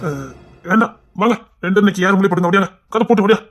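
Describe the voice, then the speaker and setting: An actor voicing a caring, bossy elder brother in a cartoon web series, brisk and insistent, with a Kanyakumari Tamil accent. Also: male voice, high voice, steady tone, soft background music, lightly acted.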